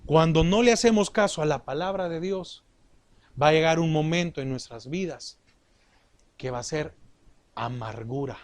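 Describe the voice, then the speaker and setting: A middle-aged man preaching a sermon in a slow, deliberate way, asking the congregation rhetorical questions. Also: fairly high pitch.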